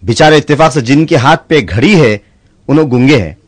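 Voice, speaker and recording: A man's voice: medium pitch, lively intonation, brisk, dry recording. A man telling short jokes on stage and switching into acted voices for his characters. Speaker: stand-up comedian.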